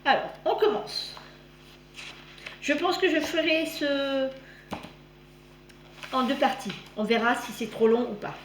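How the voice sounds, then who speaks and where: A woman's voice: sits high, expressive, slow, long pauses. A woman with a slight lisp on her s sounds, chatting casually as she hosts a magazine review vlog. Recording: roomy echo, clear background noise.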